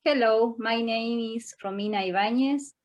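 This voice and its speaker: A woman's voice: a little high, moderate pace. A woman in her thirties from Argentina, a language student answering a question in a class presentation. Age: 30s.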